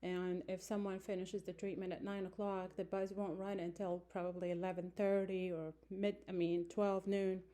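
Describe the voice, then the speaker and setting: Recorded on a close-held phone in a small room, a woman in her forties, born in Morocco and raised in France, presents herself to a class unhurriedly, full of fillers and corrections. Her voice is on the low side, mellow, with a flat delivery.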